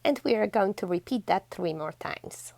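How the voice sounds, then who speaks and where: A woman's voice: medium pitch, moderate pace, vocal fry, dry recording, soft background music. A woman hosting a DIY craft tutorial, chatty and effusive toward her viewers, walking through steps one by one. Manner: chatty and effusive, warmly thanking viewers as "besties"; steady step-by-step instructions. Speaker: DIY craft channel host.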